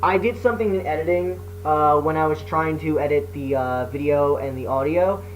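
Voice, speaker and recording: A man's voice: fairly high pitch, normal speed, faint music behind. A man speaking casually and apologetically to viewers as a video creator, hesitant, sweary and self-deprecating. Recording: noisy hum, poor microphone.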